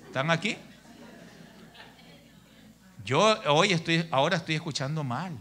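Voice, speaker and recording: A middle-aged pastor preaching to his church in an animated, storytelling way, often turning to the congregation as brother. His voice sits somewhat high for a man and rings bright and forceful. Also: unhurried. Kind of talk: preaching a sermon.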